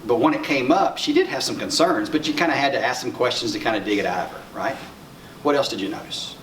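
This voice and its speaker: A man's voice: mid-range voice, fast, a bit bright. A middle-aged man with an Arkansas accent leads a conference workshop, talking conversationally and putting questions to his audience. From Arkansas, United States. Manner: conversational, asks and echoes back answers. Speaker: instructor presenting at a conference. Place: conference room, behind faint room noise. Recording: roomy, distant mic, faint noise.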